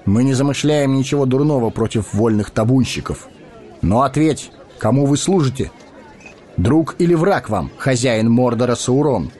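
A man's voice: mid-range voice, lively intonation, normal speed, warm tone, a faint crowd, natural voice. An actor playing a noble warrior and heir to a throne who speaks solemnly and declaims his lines. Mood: commanding. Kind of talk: audio drama acting.

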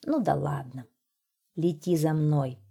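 A woman voicing a wise, calm owl in a storybook, speaking slowly and firmly. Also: deep voice, gravelly, husky, heavily acted. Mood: measured. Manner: slow, measured, firm.

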